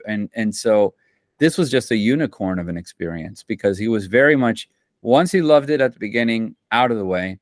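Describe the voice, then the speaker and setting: The voice here is fairly low-pitched: a Central American man who writes music for film and television, chatting in a casual interview. The studio-quality recording has no echo, and his talk is loose and rambling, with slang and frequent restarts.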